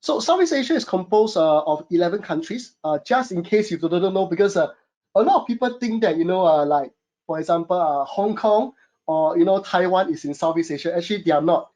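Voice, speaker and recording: Speaking briskly in a high, darkish voice with lively intonation, a man from Singapore presents a webinar from his home studio. He is an e-commerce consultant with a Singaporean English accent, talking casually, leaning on fillers, and calling the audience "guys."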